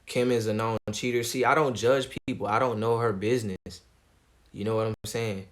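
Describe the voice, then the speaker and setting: A man on a livestream talks in a calm, laid-back way, never raising his voice. His speech is slangy and casual, and his voice sits somewhat low. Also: moderate pace. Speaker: streamer.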